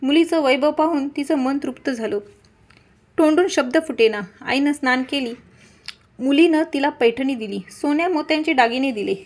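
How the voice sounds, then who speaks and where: A woman narrating a devotional folk tale in a steady, measured storytelling manner. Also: high voice.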